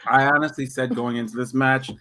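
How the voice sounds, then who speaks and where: A man's voice: medium pitch, level tone, brisk, pushed and bright. Man with a worn-out voice, chatting. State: voice worn out from a weekend event. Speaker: podcast co-host. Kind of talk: casual chat, opinionated reviewing.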